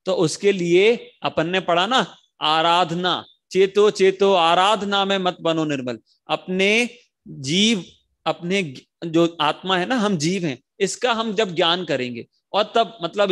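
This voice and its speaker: A young man teaching an online religion class to children, coaxing them to repeat lines and chanting verses slowly over a video call. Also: sits high. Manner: animated, coaxing kids to repeat lines aloud.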